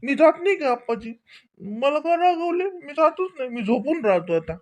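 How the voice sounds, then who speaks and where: A voice actor playing a sulky, stubborn young boy in an animated cartoon. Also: extremely high pitch, normal speed. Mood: sulking. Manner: whiny, stubborn, pouting. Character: sulking young boy Tejas, stubborn and whiny.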